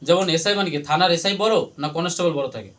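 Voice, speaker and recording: Male teacher, high-pitched, quick delivery, classroom call-and-response drilling. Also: fairly bright tone. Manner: drills students with repeated questions.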